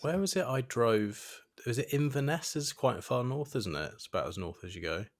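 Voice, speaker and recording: A man co-hosting a podcast, an animated storyteller who swears for emphasis and laughs often. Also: mid-range voice, normal speed. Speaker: podcast co-host. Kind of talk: casual chat.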